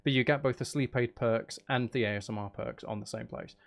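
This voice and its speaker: This streamer and channel host has a mid-range voice with vocal fry and a brisk delivery. While running a live game stream, he keeps up playful, casual banter with his chat and with himself.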